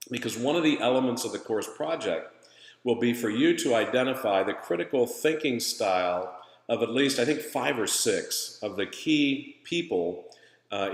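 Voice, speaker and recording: A man giving an informal recorded lesson recap as an instructor, conversational and halting, with a hallway echo from an empty room. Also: mid-range voice. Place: empty room in a new place, indoors. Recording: echoey empty room, long reverb.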